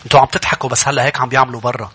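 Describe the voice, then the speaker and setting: Fast, bright-voiced preaching man. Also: medium pitch, slightly rough. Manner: animated preaching, calls out to the congregation and jokes. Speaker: pastor. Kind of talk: sermon. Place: church.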